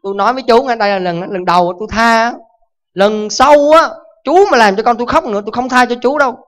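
A man's voice: sits high, very fast. A monk voicing an angry, hot-tempered father who threatens a young monk. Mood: threatening. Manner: shouting accusations, threatening. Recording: dull lo-fi recording.

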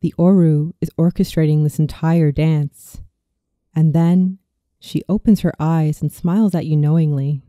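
Soft-edged and deeply mellow at a medium pitch, this thirty-something meditation narrator keeps a steady tone while calmly, deliberately reading a guided visualization. The audio is close and dry, with no room sound at all.

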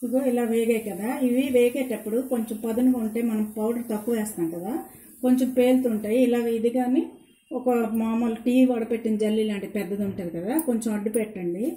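A woman's voice: fairly high pitch, fairly even intonation, fast, warm tone. A woman hosting a home cooking demonstration at her stove, chatty and instructive, repeating her tips. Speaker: cooking channel host. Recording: echoey kitchen with sizzling frying.

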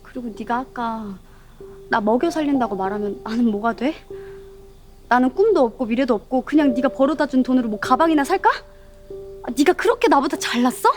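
An actress playing a frustrated young woman, a college senior, arguing with her younger boyfriend in a web drama; she speaks in a sharp, accusing way. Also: high-pitched, lively intonation, brisk, music in the background. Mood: angry, hurt. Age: young adult.

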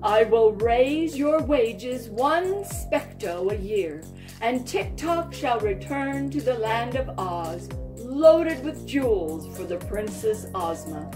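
A fat, pompous gnome king who blusters and panics easily, as a woman reading a storybook puts him on. He swings between loud, high-pitched alarm and a slow, grand tone of command. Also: lively intonation, music in the background. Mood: grand, relieved. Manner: blustering, trembling with fear.

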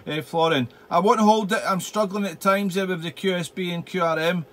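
A man's voice: high-pitched, steady tone, a little fast, a bit bright. A man making casual amateur radio contact from a home radio room, repeating phrases and using radio call-sign jargon. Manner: repeats himself, spells out in phonetic alphabet. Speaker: amateur radio operator, channel host.

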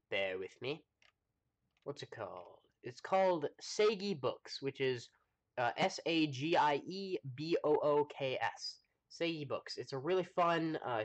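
A man with an American accent chatting casually to viewers during a live game stream, rambling with lots of fillers and pausing to eat. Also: medium pitch. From United States. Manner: rambling, chatty, full of fillers, talks while eating. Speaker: livestreamer playing a space game.

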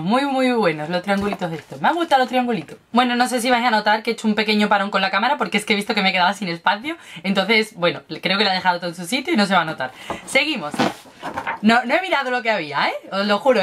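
A young woman chats at home in a casual unboxing vlog. Her voice sits at an ordinary middle pitch, and she gushes happily over everything she opens, piling on diminutives. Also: a bit bright. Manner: chatty, gushing over cute snacks, lots of diminutives. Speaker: beauty and snack vlogger.

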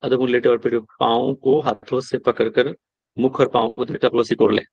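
A male yoga teacher, at a middle pitch. He chants old verses slowly and explains them in brisk, plain classroom talk. The sound is dry and close. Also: level tone, gravelly, slightly rough, no room sound, muffled recording. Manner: chants verses slowly, then explains quickly with "ठीक है?" checks.

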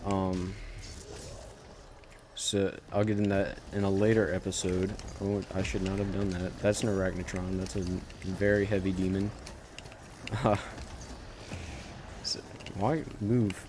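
A man giving casual commentary while he plays a game, rambling with halting starts and frequent self-corrections. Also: low voice, little pitch movement, background noise. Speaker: gaming channel host.

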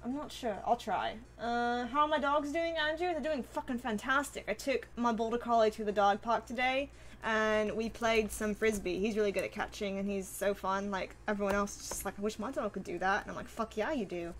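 A woman's voice: a little high, brisk, slight background noise. A woman streamer chatting casually with viewers, reading and answering comments in a bubbly way, swearing freely and laughing often.

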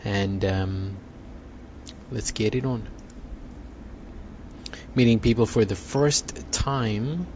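A man teaching an English lesson, talking slowly and patiently through repeat-after-me drills with fillers. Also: on the low side, a little mellow, a little hiss or hum. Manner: slow, patient, repetitive coaching with fillers. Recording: slightly dull recording with faint ambience.

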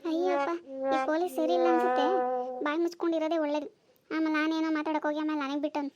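A woman's voice: sits high, fairly even intonation, racing, darkish tone, dull audio, soft background music, natural voice. Scornful cartoon mother-in-law, voiced by a woman. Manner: scornful, bossy. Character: sharp-tongued mother of the wife.

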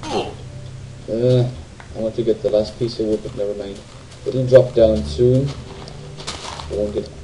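Casual gamer guy, deep and mellow, talks to himself and the viewers, rambles. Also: fairly even intonation, takes it slowly, pauses often, a little hiss or hum, low-quality recording. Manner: rambling, self-talking, asks viewers tag questions. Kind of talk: casual let's play commentary. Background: faint game music.

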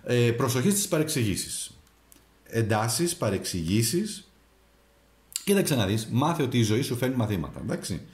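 Animated man giving a tarot reading. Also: medium pitch. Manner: animated, addresses the viewer directly, gives advice. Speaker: tarot reader and astrologer. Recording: echoey room.

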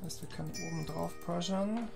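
A man's voice: a little high, moderate pace, creaky. A man giving casual gameplay commentary in gamer slang, half muttering to himself. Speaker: gaming streamer. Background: game music and effects.

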